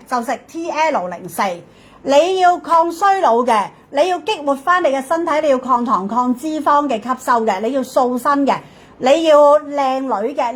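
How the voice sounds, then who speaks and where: A woman with a fairly high, rough-edged voice and a Hong Kong Cantonese accent gives a hard-sell live shopping pitch. She presses each point insistently, repeats it, and keeps checking that listeners follow. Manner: insistent, repetitive, peppered with checking questions.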